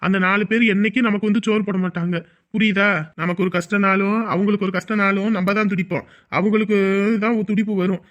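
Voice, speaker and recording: A man's voice: high voice, flat delivery, quick pace, fairly bright tone. A man playing a patient village elder. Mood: advising. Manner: patient, advising, checks for agreement. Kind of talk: village family drama acting. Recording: dull lo-fi recording.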